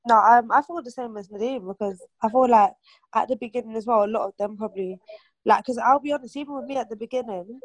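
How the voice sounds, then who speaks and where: A woman's voice: on the high side, fast, no echo. Young woman, casual group chat, rambling and filler-heavy, close dry sound. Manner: chatty, many fillers and restarts. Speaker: aunt and mother of a toddler.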